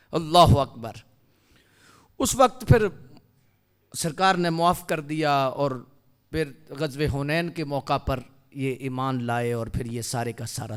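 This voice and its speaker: A man preaching a storytelling sermon, dropping to hushed tones and rising to loud cries. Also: on the high side.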